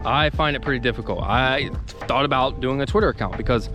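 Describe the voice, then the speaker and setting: A man's voice: medium pitch, brisk. A man talking casually and unscripted to his viewers while jogging, exerting himself as he speaks. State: exerting, working up a sweat. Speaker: video creator vlogging about the channel. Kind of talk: casual unscripted vlog monologue. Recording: music behind the voice.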